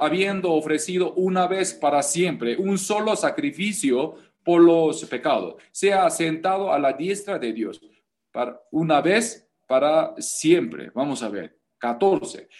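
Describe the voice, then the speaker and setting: Guy preaching a sermon, slow, lifts to loud emphasis, keeps asking the crowd questions. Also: high voice. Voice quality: animated, rising to loud emphasis. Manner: non-native Spanish, emphatic repetition, rhetorical questions. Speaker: pastor.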